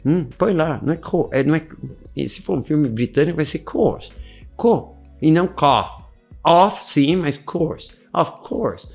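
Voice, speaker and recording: A man teaching a casual video lesson, animated and repetitive, checking in often with his listeners. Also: fairly high pitch, unhurried, creaky, soft background music. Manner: animated, repeats words, frequent "tá?" check-ins. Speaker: English teacher.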